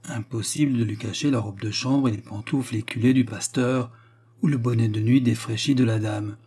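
A man narrating an audiobook in a measured, deliberate reading. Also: medium pitch, steady tone, mellow, husky. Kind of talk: scripted narration.

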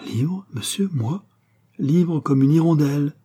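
A man's voice: a little high, unhurried, mellow, breathy edge, pitched above the performer's own voice. Man reading as a flustered, fawning groom. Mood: flustered, pleading. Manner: humble and flustered. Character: anxious, fawning male servant groom. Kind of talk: audiobook character reading.

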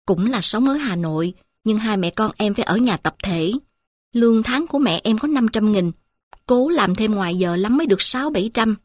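A homesick teenage city girl, speaking quietly and wistfully in a subdued voice, as a woman reading a story puts her on. Recorded dry and close, with no room around it. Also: medium pitch, animated, normal speed, no echo, close to an everyday voice.

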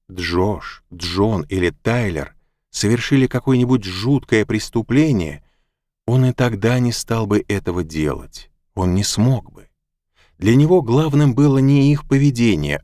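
A man narrates an audiobook from a script in a measured, even storytelling manner. His voice is mid-range, captured as a dry, studio-quality recording.

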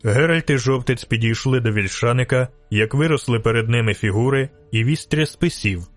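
A man reading a fantasy novel aloud in steady, scripted audiobook narration. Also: mid-range voice, moderate pace, no room sound, soft background music.

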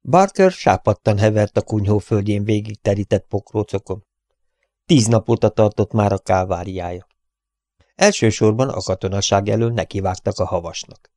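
A man's voice: on the low side, no room sound, studio quality. A man reading a novel aloud as audiobook narration. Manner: steady storytelling reading. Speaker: audiobook reader.

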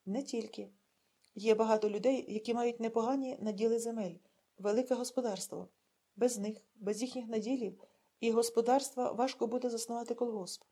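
A woman plays a measured, formal male party organizer addressing a meeting. The voice is husky and mellow, a little high in pitch. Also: fairly even intonation.

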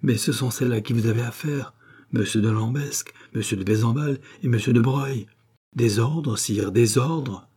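A man voicing a proud, anxious queen, dignified and commanding, in a low husky voice. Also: moderate pace, warm tone, close to an everyday voice.

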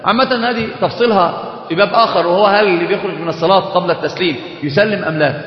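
A high-voiced man with an Egyptian accent lectures at a quick clip, firing rhetorical questions and answering them himself. His voice rings through a large, reverberant hall. The recording is dull and lo-fi, like an old lecture tape. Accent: Egyptian Arabic. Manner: repeats words and restarts. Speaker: Islamic scholar teaching a lesson. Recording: echoey hall, dull lo-fi sound.

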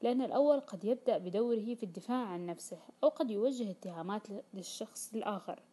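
A woman's voice: mid-range voice, animated, fast, warm tone, breathy edge. A woman reading a self-help audiobook aloud, explaining points and quoting everyday dialogue in colloquial speech. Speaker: audiobook reader.

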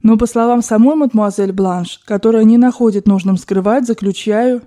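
A woman's voice: on the high side, normal speed, dark tone, close to an everyday voice. A woman voicing a serious, sad, reserved young woman in an audiobook, answering in a guarded way. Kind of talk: audiobook narration.

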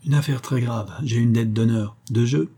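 Guy doing a cynical young striver, plain husky voice, blunt, a bit hesitant. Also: medium pitch, moderate pace, warm tone. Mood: uneasy. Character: ambitious, cynical young male social climber.

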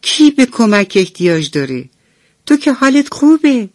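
A woman voicing a sleepy, easygoing pair of pliers that talks in a drowsy, relaxed way in a radio bedtime story. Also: low-pitched, dry recording.

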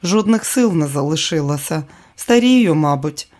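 A man's voice: fairly high pitch, lively intonation, a little slow, a little mellow. A male audiobook reader voicing a tired, wry aging comedian speaking to his wife. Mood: weary. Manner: weary, wry. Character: tired aging man, famous comedian, joking husband. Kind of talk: audiobook character reading.

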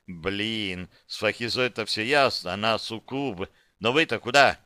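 A man's voice: fairly low pitch, a little slow, pushed and bright, clean tone, no echo. A man narrating an audiobook in the first person, in a dry, wry, matter-of-fact way.

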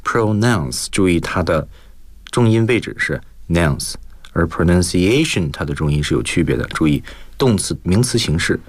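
A man's voice: deep voice, expressive, moderate pace, dry recording. A man teaching English on a radio lesson, explaining words step by step and mixing in English terms.

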